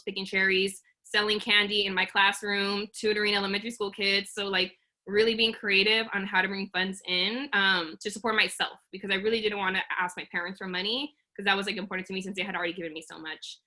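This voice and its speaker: Quick-paced and bright, her forceful mid-range voice stays fairly flat in pitch. The woman, in her thirties and from Oakland, California, earnestly delivers a career webinar on a video call, peppered with um's, fillers, and restarts.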